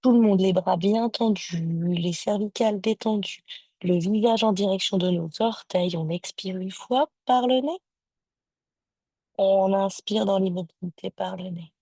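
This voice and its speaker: A woman leads a yoga class, calling out each movement and breath in a calm, step-by-step way. She speaks slowly and without hurry, her voice at an ordinary middle pitch. The sound is dry and close, as through a video call microphone. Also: no echo. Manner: calm, slow step-by-step instructions with breath counts. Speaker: yoga teacher. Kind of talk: guided yoga class cues. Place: home or studio, streamed on a video call.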